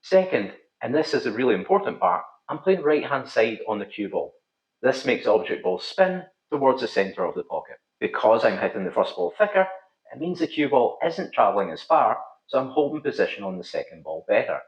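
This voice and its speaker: A man's voice: medium pitch, very animated, a little fast, vocal fry. A middle-aged man with a thick Scottish accent, giving scripted instructional narration as a pool coach and video host. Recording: slightly dull, roomy echo.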